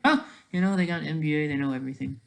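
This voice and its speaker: With a medium-pitched, gravelly, fairly bright voice, this speaker offers rambling, improvised commentary. The delivery is halting and sarcastic, full of restarted thoughts and frequent questioning tags.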